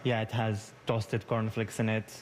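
Halting young man. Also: fairly low pitch, little pitch movement, slight background noise. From Yemen, raised in Saudi Arabia. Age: 20s. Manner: hesitant, halting, with frequent "uh" and restarts. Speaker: bakery founder, guest. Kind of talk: casual interview answers. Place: his bakery kitchen.

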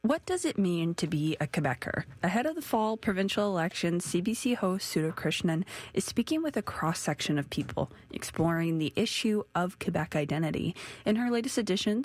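A woman's voice: fairly low pitch, a little mellow, no echo. Woman news anchor, dry studio read. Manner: smooth, read introduction. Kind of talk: scripted news introduction.

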